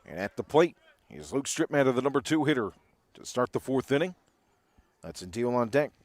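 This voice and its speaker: A man's voice: medium pitch, big pitch swings, fairly quick, a little mellow, no echo. A man doing live baseball play-by-play, with a home run call style that stretches out on big hits.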